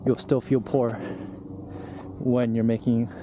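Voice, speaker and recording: A young vlogger hikes uphill on an outdoor trail, out of breath, talking loosely and candidly to his camera. His medium-pitched voice is slow with little pitch movement, and background noise is clearly audible.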